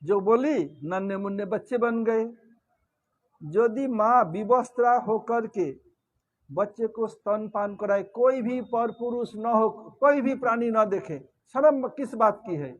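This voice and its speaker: A man preaching in a temple hall, telling a scripture story in a lively way and acting out its characters' voices. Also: high voice, slow, highs cut off. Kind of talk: storytelling sermon.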